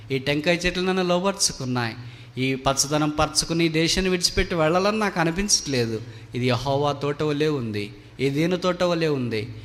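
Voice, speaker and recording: A man's voice: on the high side, fairly bright tone. A man preaching in a sermon, voicing a dying male eagle king who laments in repeated mournful phrases, his words ringing in a long hall reverb.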